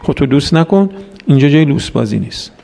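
A man's voice: on the high side, animated, gravelly, dark tone. A man preaching a religious sermon, exhorting his listeners with rhetorical questions and reciting Arabic verses in a chanted tone.

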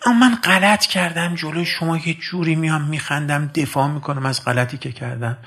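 A man preaching a sermon, telling a story and addressing his listeners as dear friends, swinging between hushed and emphatic delivery. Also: fairly high pitch, steady tone.

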